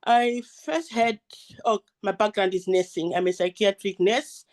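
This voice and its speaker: A woman speaks over a video call. She is hesitant and pauses on fillers, with a medium-pitched voice. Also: a little mellow. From Zimbabwe. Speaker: nurse sharing a testimonial.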